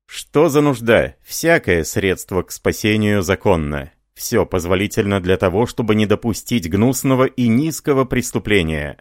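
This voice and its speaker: Fervent young lieutenant, read by a man, deep pleading voice, dry recording. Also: lively intonation, normal speed, few pauses, no echo, close to an everyday voice. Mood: ardent. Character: young French lieutenant, ardent and devoted.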